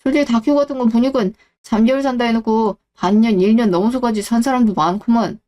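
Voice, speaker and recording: A woman's voice: fairly high pitch, fast talker, dark tone, close to an everyday voice. A woman voicing a callous, selfish middle-aged husband who talks scornfully and dismissively. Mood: contemptuous. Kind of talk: Korean audio drama reading.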